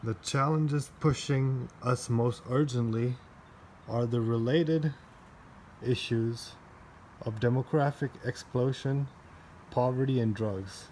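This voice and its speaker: A man of ordinary mid-range pitch reads passages slowly and haltingly, often restarting a line to take it in. He slips into loose, offhand commentary between sentences. A faint noise sits under the recording. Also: a little mellow. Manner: slow, halting reading, rereads lines, laughs to himself. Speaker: reader commenting on a book. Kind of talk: casual read-aloud with commentary.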